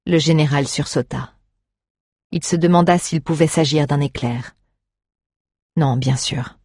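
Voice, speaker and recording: A husky, slightly breathy narrator reads an adventure story with a steady, dramatic pace. The sound is dry and close, with no room around it. Scripted storybook reading. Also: mid-range voice, unhurried, dry recording. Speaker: audiobook narrator.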